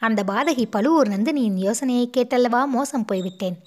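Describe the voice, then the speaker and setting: In a storybook reading, a woman with a slightly high, darkish voice close to her everyday one speaks at a moderate pace as a distraught young noblewoman. The character pleads, sobbing between words, full of guilt.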